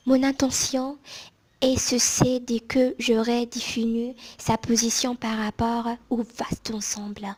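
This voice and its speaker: A woman whispers a book reading ASMR-style, hushed and soft as if in a library, her voice mostly unvoiced. It sits a little high with a level tone, and she phrases things carefully with small pauses.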